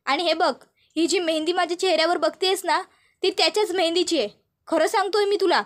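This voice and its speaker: A woman's voice: very high-pitched, fairly even intonation, brisk. A woman voicing a beaten-up young man who pleads and keeps repeating a pet name. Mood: pleading. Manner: pleading, repeats her nickname.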